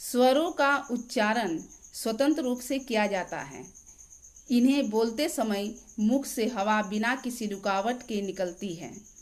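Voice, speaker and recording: Slow, high-voiced woman teaching grammar. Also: a little mellow. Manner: slow, deliberate dictation of examples. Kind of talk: grammar lesson read aloud.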